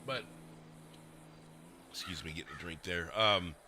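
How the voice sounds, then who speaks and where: A man's voice: sits low, measured pace, sharp tone, slight background noise. A man hosting a livestream, chatting casually with viewers at a desk microphone in a rambling, self-deprecating way with lots of fillers. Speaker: livestream host. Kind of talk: casual chat with stream viewers.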